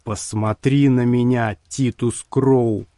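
A man voicing a sinister warlock who shouts commands in a slow, drawn-out way. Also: mid-range voice, fairly even intonation, dry recording, studio quality. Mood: commanding. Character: sinister male warlock summoning a worm.

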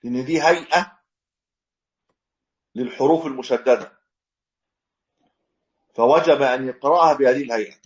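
Sheikh teaching, lo-fi recording. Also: male voice, medium pitch, normal speed, long pauses. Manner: explains step by step, demonstrating correct recitation. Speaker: sheikh teaching a fiqh text. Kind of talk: religious lesson.

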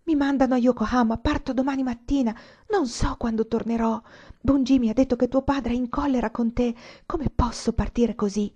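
A woman's voice: a little high, fairly even intonation, a little fast, mellow, breathy edge, dull audio, pitched above the performer's own voice. Aiwan, an earnest pleading young man, read by a woman. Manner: pleading, urgent, at times whispered.

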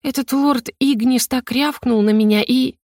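A woman's voice: high voice, fairly even intonation, measured pace, darkish tone, dry recording, clean studio sound, voice pushed up. A woman voicing a timid young shop assistant who mumbles through tears. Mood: tearful. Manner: mumbling, tearful. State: crying.

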